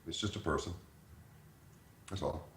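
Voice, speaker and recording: A middle-aged man, a radio host, giving folksy, animated advice in conversation and acting out callers as he goes. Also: low-pitched, unhurried, echoey room, a little hiss or hum. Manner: folksy, animated storyteller who acts out callers.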